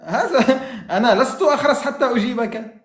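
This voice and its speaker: Brief: male debater, high voice, sharp and mocking, echoey room. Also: expressive, brisk. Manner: argumentative, quoting texts, mocking laughs. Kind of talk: heated religious debate.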